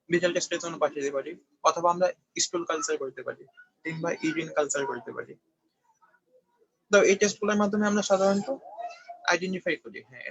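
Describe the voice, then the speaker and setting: A young man from Bangladesh delivers a quick medical review lecture in a fairly high voice. He explains step by step and keeps checking that his listeners follow. The recording is dry and slightly dull, like a lo-fi home setup. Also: a bit bright, no echo. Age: young adult. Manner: explanatory, frequent check-ins asking if students follow. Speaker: medical student tutor.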